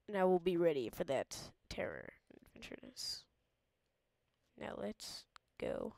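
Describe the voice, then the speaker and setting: A woman with a medium-pitched, creaky, darkish voice, recorded dry, gives playful, jokey let's-play commentary as a gamer. She is mock-dramatic and often drops into a whisper.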